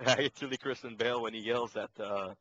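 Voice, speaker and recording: A man in casual podcast chat, animated, laughing often and swearing. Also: medium pitch, a little fast, dry recording. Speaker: podcast co-host. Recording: dull, dry lo-fi mic.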